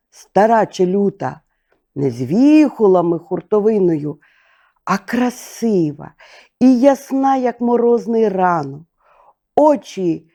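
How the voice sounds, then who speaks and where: An older woman narrates a bedtime fairy tale with a gentle, expressive read. Her voice has a gravelly texture, and she takes her time, lingering on the words. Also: medium pitch. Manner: slow, expressive, gentle reading. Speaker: storyteller.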